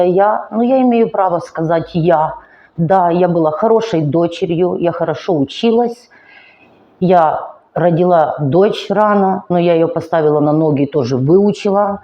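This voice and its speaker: Speaking with effort and clearly tired, a woman from Ukraine in her forties recounts her life for a vlog. Her voice is on the low side and the sound is lo-fi. The confessional delivery is earnest, emotional, slow and halting.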